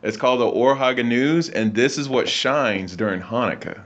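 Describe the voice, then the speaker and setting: A man's voice: mid-range voice, normal speed, fairly bright tone. A man hosting a livestream, explaining religious texts in a casual teaching style. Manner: explanatory, reads and comments on texts. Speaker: host. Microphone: internet call/stream. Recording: lo-fi online stream audio.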